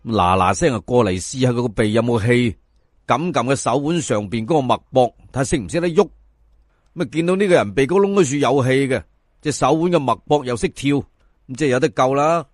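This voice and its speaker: Expressive and medium in pitch, a man with a Hong Kong Cantonese accent narrates a folk tale like a storyteller, colloquially and dramatically, lingering on sentence particles. The audio is studio quality with no echo.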